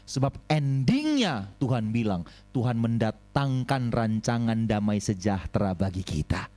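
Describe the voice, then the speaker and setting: A man preaching a sermon as pastor, animated, swinging between high exclamations and low asides and calling on the congregation for amens. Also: unhurried, faint music behind. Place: church.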